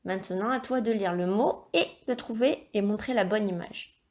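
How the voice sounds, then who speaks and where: A woman teacher recording a video lesson for young children, dictating words slowly and clearly and encouraging the child. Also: medium pitch, darkish tone. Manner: slow, clear dictation with stretched syllables; encouraging, addresses the child directly. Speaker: primary school teacher.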